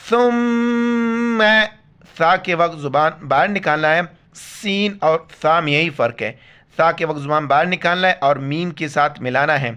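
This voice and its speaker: A man teaching Quran tajweed, chanting the verse slowly and then rattling off letter-by-letter explanations in speech. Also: high voice, pushed and bright, clean tone. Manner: slow drawn-out recitation alternating with rapid spelled-out explanation. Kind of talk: Quran recitation lesson.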